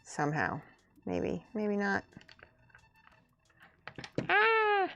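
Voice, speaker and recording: A woman's voice: lowish voice, a little slow, lo-fi sound. A woman chatting casually on a live stream as she works on a craft, informally thinking aloud and muttering to herself. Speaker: streamer building and painting miniature models. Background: music.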